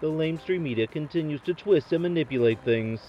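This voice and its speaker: Deadpan man over a crackly CB radio. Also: on the high side, brisk, lo-fi sound. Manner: deadpan, uses trucker radio lingo. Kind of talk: comedic sketch playing a trucker on a CB radio.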